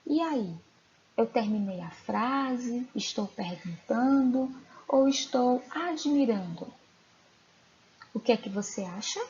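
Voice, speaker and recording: Woman teacher, higher voice, unhurried and clear, asking the class questions; dull lo-fi recording. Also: lively intonation, a little mellow. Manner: slow, clear, questioning pupils directly. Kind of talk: recorded online class lesson. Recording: dull lo-fi recording, faint noise.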